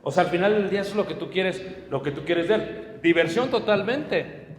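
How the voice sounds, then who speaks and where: A man's voice: high-pitched, expressive, brisk, roomy sound, in a large hall, a little hiss or hum. A man preaching a sermon to his congregation, telling personal stories and speaking to them directly. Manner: storytelling, addresses congregation directly. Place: church hall.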